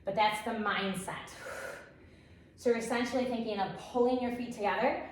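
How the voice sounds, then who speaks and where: Woman, aerobics instructor, higher-pitched voice, energetic encouraging cues, very echoey room. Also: normal speed, slight background noise. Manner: encouraging, energetic coaching in short imperative cues. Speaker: fitness instructor leading a workout. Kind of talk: aerobics instructor cueing and counting down. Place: echoey room, exercising while talking. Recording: very echoey room, distant microphone.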